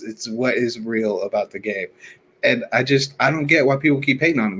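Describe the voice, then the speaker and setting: A man's voice: medium pitch, a bit bright, a little hiss or hum. A young man co-hosting a sports podcast, arguing his points heatedly in casual slang and laughing often. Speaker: podcast co-host.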